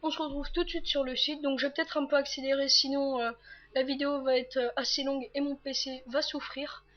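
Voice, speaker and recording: A woman hosting a casual tech tutorial, talking viewers through each step in a chatty way with lots of fillers and quick self-corrections. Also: high voice, little pitch movement, dull audio. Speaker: tutorial host.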